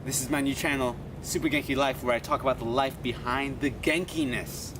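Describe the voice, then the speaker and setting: Fast-talking hype vlogger man, outdoors. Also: mid-range voice. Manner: excited, hype-style talk. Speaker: vlog host. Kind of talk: casual outdoor interview. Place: outdoors in a city. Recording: distant outdoor mic with traffic noise.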